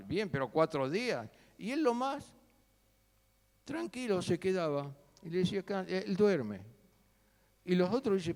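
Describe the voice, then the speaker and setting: A man preaching a sermon, telling the story with sudden loud and soft turns. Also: a little high. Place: church sanctuary. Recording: long church hall reverb.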